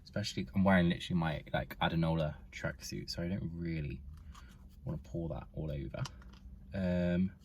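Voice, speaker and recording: Young vlogger, very low voice, chatty food review in a car, mouth often full. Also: male voice, steady tone, brisk, darkish tone, dull audio, slight background noise. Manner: chatty, talks with his mouth full while eating. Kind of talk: casual food review to camera. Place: inside a parked car.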